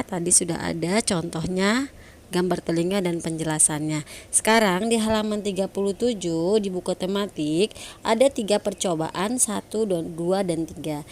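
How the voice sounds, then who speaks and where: A woman teaching a primary school class online, speaking gently and coaxing her pupils with frequent "ya". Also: fairly low pitch, slight background noise. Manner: gentle, coaxing, adds "ya" to sentences.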